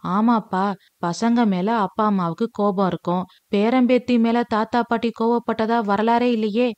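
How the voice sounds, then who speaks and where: A playful, quick-witted young wife full of teasing banter, as a woman storyteller puts her on. She speaks a touch higher than the narration around her in a dry, close recording, with an audiobook feel. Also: fairly even intonation, darkish tone, no echo, dull audio, close to an everyday voice.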